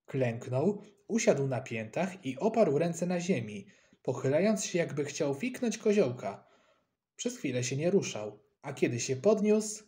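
A man reading a children's story aloud with lively, expressive narration. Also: mid-range voice.

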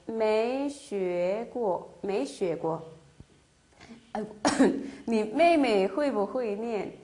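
A woman teaching a beginner language lesson, patiently repeating each phrase and breaking it down step by step. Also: a little high.

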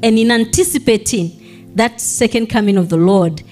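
A woman's voice: fairly high pitch, moderate pace, darkish tone. Woman preaching to young people, faint music. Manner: earnest preaching with asides and restarts. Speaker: guest speaker. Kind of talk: sermon to a youth fellowship.

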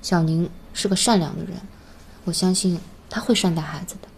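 An actress playing a gentle, resigned young woman in a TV drama. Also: lowish voice, fairly quick, creaky, slight background noise. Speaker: daughter. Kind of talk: TV drama acting.

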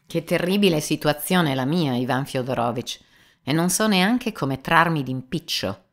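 A woman reading an audiobook voices a sly, servile male servant who talks in a smooth, unhurried, faintly ingratiating way. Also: rumbling low, animated, exaggerated voice. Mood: complaining.

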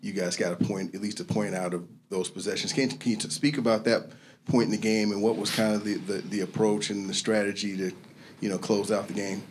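A man's voice: on the low side, level tone, fairly quick, a little hiss or hum. A male reporter asking a player a question at a press conference, stammering as he goes.

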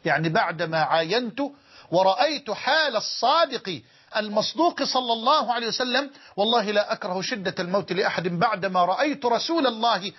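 A man preaching with an Egyptian accent, an older speaker telling stories with emotion and dramatic pauses. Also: high-pitched, lively intonation, slightly rough, muffled recording. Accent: Egyptian Arabic. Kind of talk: sermon.

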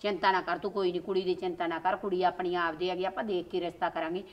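A woman's voice: on the low side, level tone, fast talker, highs cut off, close to an everyday voice. A woman playing a soothing village sister-in-law. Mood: reassuring. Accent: rural Malwa Punjabi. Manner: soothing, reassuring.

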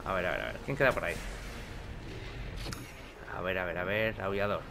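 A man giving chatty, excitable gameplay commentary with casual swearing. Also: low-pitched, brisk, creaky, very noisy. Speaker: gaming video host.

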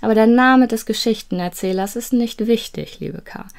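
A woman voicing a cheerful, wise male storyteller in an audio storybook, speaking in a gentle, measured way. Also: a little high, gravelly, pitched above the performer's own voice. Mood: kindly.

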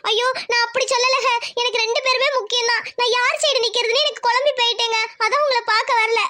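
Woman voicing squeaky timid village girl Tamil. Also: steady tone, fast talker. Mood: anxious. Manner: anxious, hushed and pleading. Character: timid young village woman in love, fearful. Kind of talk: cartoon voice acting.

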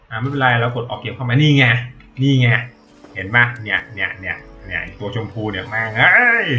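A man's voice: medium pitch, bright, forceful tone, highs cut off. A man giving casual, rambling gameplay commentary as a tutorial streamer, thinking aloud and swearing now and then.

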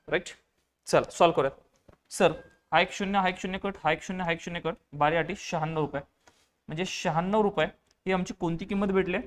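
A man teaching an online math lesson in a fairly high voice. He explains patiently step by step and often says a phrase twice. He poses questions to his students and answers them himself. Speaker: exam-prep teacher.

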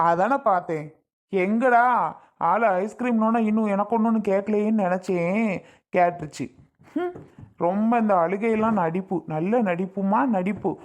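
A woman's voice: mid-range voice, normal speed, darkish tone, natural voice. Arjun, a woman playing a sarcastic, teasing husband. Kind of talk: family skit acting.

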